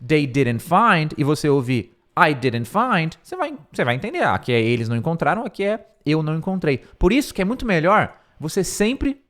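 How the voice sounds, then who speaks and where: Here the same Brazilian-accented man teaches English online in a relaxed way, working through points one at a time and repeating words slowly for pronunciation practice. Fairly high-pitched and very animated, his voice has a slightly bright tone, captured close to the mic in a windowed room at home.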